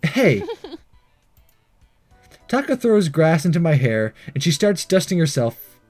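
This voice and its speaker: With game music in the background, a man reads through a visual novel for a let's play, slow and very animated in a slightly mellow voice on the high side. He trips over lines, goes back to re-read them, and comments as he goes.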